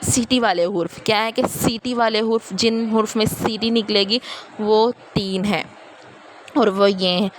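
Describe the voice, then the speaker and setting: A woman with a Pakistani Urdu accent teaching a Quran recitation lesson, repeating points and drawing out each letter slowly. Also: medium pitch, steady tone, slight background noise. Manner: slow, drawn-out letter pronunciation and repetition.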